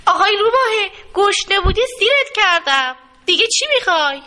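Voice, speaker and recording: A woman's voice: very high-pitched, big pitch swings, pushed and bright, voice pushed up, exaggerated voice. A woman voicing an anxious mother crow pleading to protect her chicks in a children's storybook reading.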